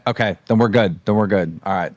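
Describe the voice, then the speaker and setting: A man hosting a show, giving brisk instructions on a livestream. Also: on the low side, no echo. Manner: brisk, directive. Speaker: show host. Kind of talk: livestream chat.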